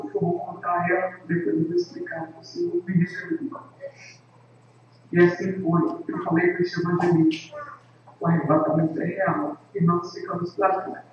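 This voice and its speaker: A man tells an earnest testimony to a camera, slow and solemn, leaning on each phrase. His somewhat high voice sits far from the mic in a very echoey space. The recording sounds dull and lo-fi, with faint room ambience behind. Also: a little hiss or hum. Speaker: evangelist and worship leader. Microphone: camera microphone.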